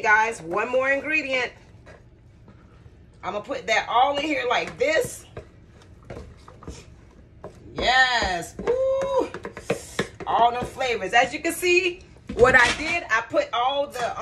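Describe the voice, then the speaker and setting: A woman's voice: fairly high pitch, sharp tone, slight background noise. Chatty woman cooking for her viewers. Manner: chatty, talks straight to viewers, says "guys" and "y'all". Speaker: cooking vlogger. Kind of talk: casual cooking demonstration. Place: home kitchen.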